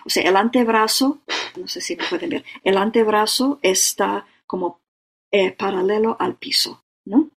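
A meditation teacher giving a dharma talk and leading a guided meditation, slow and halting, often checking in with short tag questions. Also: medium pitch. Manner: slow, halting, with frequent "¿no?" and "o sea".

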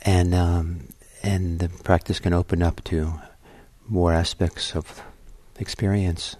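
Brief: deep-voiced man, meditation teacher streaming a talk, dry close sound, easygoing and slow to find words. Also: level tone, dry recording. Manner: gentle, unhurried, many soft fillers. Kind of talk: dharma talk leading into guided meditation. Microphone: computer livestream setup.

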